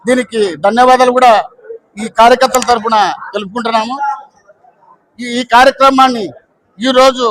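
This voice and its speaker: A man speaks to a news camera. He talks in short, halting phrases, praising his party leaders. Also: extremely high pitch, a bit bright, rough recording.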